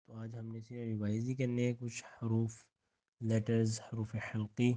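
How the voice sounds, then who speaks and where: A man teaching Quranic recitation, slowly chanting verses and then quickly explaining pronunciation, often repeating words and checking that students follow. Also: medium pitch, completely flat delivery, dark tone. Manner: alternates slow drawn-out recitation with quick explanation.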